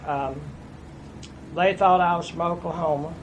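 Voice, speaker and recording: This fifties-aged veteran from East Tennessee speaks in a fairly high, steady, unhurried voice as he recounts his life for an oral history interview. His storytelling is plainspoken and folksy, with some restarts, captured in a noisy room.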